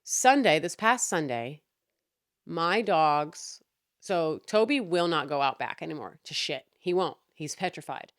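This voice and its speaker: A young woman rants through a casual story with a chatty, exasperated edge, swearing freely. Her voice sits on the low side. The recording is dry and close, with no room sound. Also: expressive, unhurried, dry recording. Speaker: podcast host.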